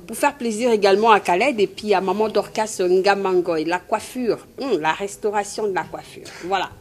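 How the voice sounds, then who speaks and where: A woman with a Congolese French accent hosts a radio program in a casual, chatty manner. Her voice sits at a medium pitch, and her delivery stays relaxed and easygoing. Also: moderate pace. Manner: friendly, chatty, laughs often. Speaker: radio show host. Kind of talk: casual hosting chat.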